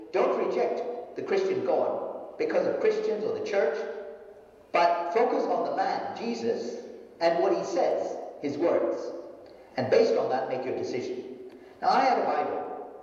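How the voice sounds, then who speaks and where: A man's voice: on the high side, a little mellow. Faraway man, heavy hall echo. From Hong Kong and Japan, Sindhi family. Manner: measured storytelling. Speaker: management consultant giving a testimony. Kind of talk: personal testimony in a video. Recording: distant, very echoey video played in a hall.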